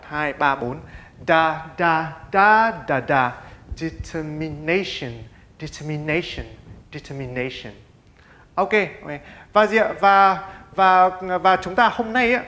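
A man with a somewhat high voice teaches an English lesson in a classroom style. Vietnamese is his first language. He asks questions and answers them himself, and he has learners repeat words after him. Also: fairly bright tone. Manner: drills pronunciation with repetition.

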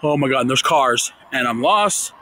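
A man's voice: medium pitch, animated, moderate pace, pushed and bright, low-quality recording. A young man vlogging outdoors at night on a phone, frantic and swearing. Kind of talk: panicked prank vlog. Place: dark roadside at night, outdoors.

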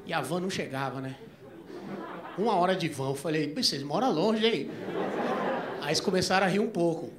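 A man doing stand-up, telling a long story and acting out both sides of the dialogue, his voice jumping up into near-shouts at the punchlines. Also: on the high side, brisk, long pauses. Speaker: stand-up comedian. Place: comedy club stage before a live audience. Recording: echoey club with crowd noise and laughter.

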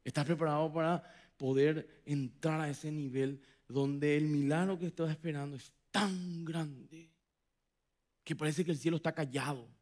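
A man preaching a sermon as pastor, dramatic, acting out quoted voices with big swings from loud to hushed. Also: a little high, steady tone, a little slow. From Paraguay. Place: church hall.

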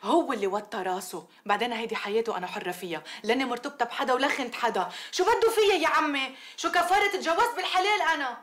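A woman's voice: high voice, animated, rapid-fire. An actress playing a defiant young woman who has just married, speaking. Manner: defiant, then soft and whispery on the phone. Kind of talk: TV drama acting.

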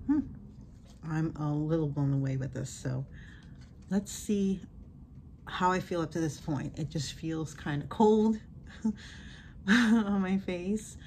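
A woman's voice: sits low, slow, long pauses, darkish tone, a little hiss or hum. Chatty woman talking through a sheet mask. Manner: chatty, thinking aloud. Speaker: beauty vlogger. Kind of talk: casual product review.

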